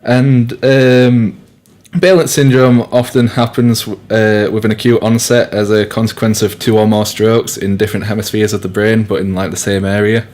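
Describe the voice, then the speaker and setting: A man's voice: lowish voice, flat delivery, moderate pace, few pauses, a little mellow. A young man co-presenting a radio science show, explaining loosely with lots of fillers and restarts. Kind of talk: casual science chat.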